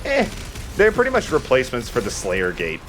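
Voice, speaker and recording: A let's player comments casually on a video game with friends as he plays, joking, swearing and thinking aloud. His medium-pitched voice swoops wildly, runs a little fast and a bit bright, with slight background noise.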